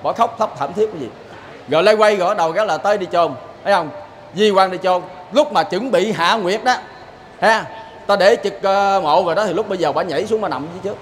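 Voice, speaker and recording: Southern vietnamese guy preaching, high voice, folksy, keeps asking the crowd if they see, faint hum behind. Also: fast. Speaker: Buddhist lay preacher. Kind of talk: sermon with storytelling.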